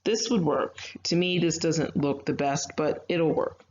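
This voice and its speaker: Speaking unhurriedly in a low, darkish voice, a young female writing instructor walks through a recorded online grammar lesson. Her manner is patient and chatty, full of fillers, and the lo-fi recording sounds a bit dull with faint noise.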